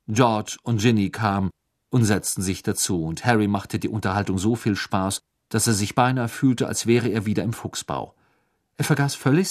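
A man reading an audiobook aloud in scripted narration, with expressive, animated storytelling. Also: on the low side. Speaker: audiobook reader.

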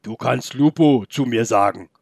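A man voicing a calm, curious male wolf with a rough, gravelly voice, speaking slowly in a storybook reading. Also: medium pitch, no room sound, studio quality.

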